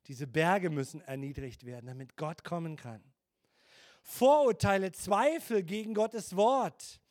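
A man, a pastor, preaching a sermon with emphatic delivery, rhetorical questions and shifts between loud and quiet. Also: very high-pitched. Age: older.

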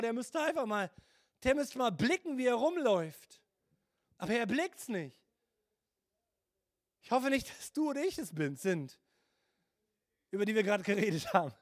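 A man, a pastor, preaching a sermon with emphatic delivery, rhetorical questions and shifts between loud and quiet. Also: extremely high pitch. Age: older.

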